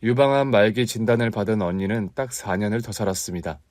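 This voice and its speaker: A man narrating a heartfelt first-person story in a calm, earnest way. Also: lowish voice, fast talker, no echo, clean studio sound.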